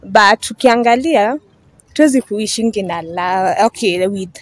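A woman's voice: mid-range voice, a little slow, no room sound. A young woman with a Kenyan accent, answering a street interview outdoors and restarting as she works through her reasoning. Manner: hesitant, restarts while explaining. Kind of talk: casual street chat.

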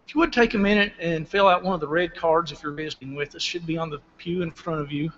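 A man at a pulpit microphone welcoming visitors and giving church announcements in a plain, friendly way with filler pauses. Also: a little high, a bit bright, slight background noise. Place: church sanctuary. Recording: dull lo-fi church recording.

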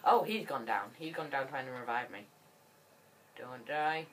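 Low-voiced woman, chatty gamer. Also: unhurried, a little hiss or hum. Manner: chatty and excitable, rambling with frequent restarts. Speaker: gaming channel host. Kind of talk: casual gameplay commentary.

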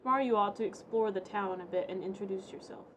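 A woman's voice: mid-range voice, fast talker, a little hiss or hum, natural voice, poor audio. A woman voicing a kindly old male mayor of a small town in a farming game, reading his dialogue helpfully.

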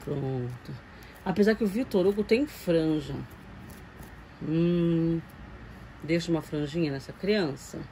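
A woman's voice: low voice, slow, long pauses, dark tone, slight background noise, poor audio. A woman with a Brazilian Portuguese accent chats casually to her viewers at home, cooing fondly over a reborn doll. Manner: chatty and doting, coos at the doll. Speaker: reborn doll collector vlogger. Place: home room with doll shelves.

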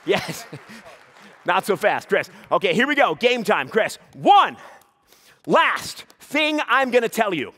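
A man's bright, ringing voice bounces all over the place as he teases a volunteer onstage. His banter is playful and quick, breaking into shouts to pump up the audience. It is a live comedy juggling act. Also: high voice, big pitch swings, breathy edge. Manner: playful teasing banter, bursts of shouted crowd hype. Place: live stage before an audience.

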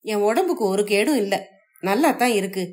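A woman's voice: medium pitch, animated, brisk, a little mellow, natural voice. A woman voicing a hurt, jealous young wife in a family story read aloud, talking in reproachful, indignant outbursts. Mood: sullen.

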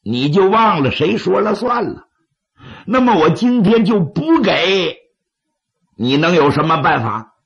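A man, as a dramatic storyteller, voicing a stubborn, blustering bandit chieftain with a gravelly voice. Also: sits high, very animated, measured pace, pitched above the performer's own voice, heavily acted. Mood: scornful. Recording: slightly dull, lo-fi audio.

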